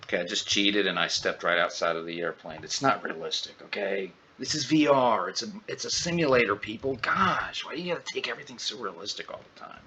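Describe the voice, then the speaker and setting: A man's voice: fairly low pitch, expressive, fast talker, few pauses, a crowd in the background. A man, casually joking and exclaiming through flight simulator commentary. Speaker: gaming channel host. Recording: dull lo-fi audio, faint ambience.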